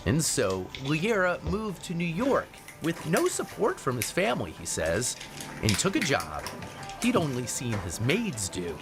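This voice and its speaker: A man working as a news correspondent, narrating a feature story in a crisp, measured reporter's delivery and putting probing questions to his subject. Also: fairly high pitch, wildly swooping pitch, over music. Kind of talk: broadcast feature narration and interviewing.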